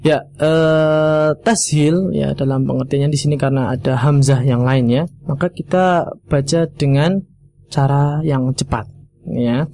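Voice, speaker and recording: Man, recitation teacher, patient, repeats syllables aloud, warm tone. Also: medium pitch, steady tone, unhurried. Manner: patient, repeats phrases and demonstrates sounds aloud. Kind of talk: explaining pronunciation on a radio call-in.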